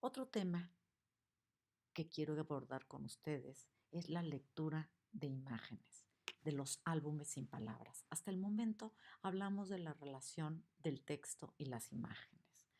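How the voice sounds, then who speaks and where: A woman teaching a lesson on picture books, expressive and asking her listeners questions. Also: deep voice, measured pace. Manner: expressive, acts out the examples, asks the audience questions.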